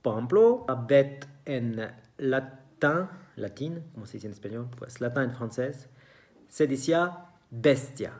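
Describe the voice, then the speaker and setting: Slow, careful teacher. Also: medium pitch, animated, mellow. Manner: slow and careful, repeats each example word. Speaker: French teacher. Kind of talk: beginner language lesson.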